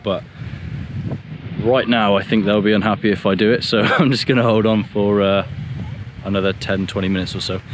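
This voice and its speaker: Man in his thirties, casual vlog, relaxed and chatty, outdoor beach, camera held at arm's length, faint background noise. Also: on the low side. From England. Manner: relaxed, chatty, self-deprecating. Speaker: photography vlogger. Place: open beach outdoors at sunset. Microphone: camera-mounted mic, held at arm's length.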